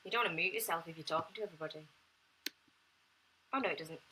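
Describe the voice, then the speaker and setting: A woman's voice: on the low side, fast, very noisy. A middle-aged woman chatting casually on a livestream, a parent who teases the child with dry asides. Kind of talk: casual chat.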